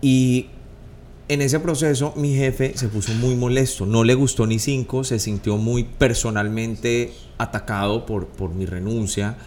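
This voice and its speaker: A man's voice: mid-range voice, steady tone, unhurried, darkish tone, a little hiss or hum. A man, co-hosting a casual chat and telling stories earnestly, with many fillers.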